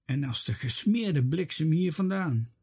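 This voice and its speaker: A storyteller voicing a stubborn, bold little girl in a read-aloud children's story, with a husky, raised voice. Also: mid-range voice, animated, darkish tone. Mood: cheeky. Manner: defiant, quick-tempered.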